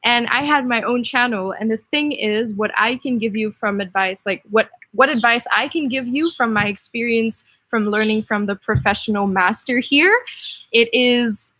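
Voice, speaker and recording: A woman's voice: on the high side, normal speed. A young woman from Singapore and Germany co-hosting a casual live stream; she thanks viewers often and gives friendly advice. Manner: warm, grateful, laughs often, gives advice. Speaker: co-host of a travel channel.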